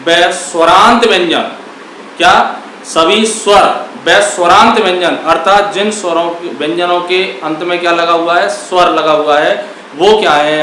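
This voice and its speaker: A man teaching a grammar lesson, asking questions and answering them himself, repeating key words and sounding out syllables slowly. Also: high voice, pushed and bright, heavy reverb, distant mic, slight background noise, low-quality recording. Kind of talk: classroom lesson.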